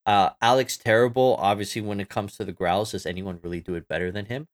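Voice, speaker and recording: Man, low voice, podcast co-host, casual rambling chat, lots of fillers. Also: steady tone, fast.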